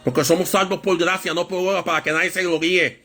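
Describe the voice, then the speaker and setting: A man preaching a Bible study sermon, with a lively storytelling manner that acts out voices in anecdotes. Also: high-pitched, fairly quick, faint music behind.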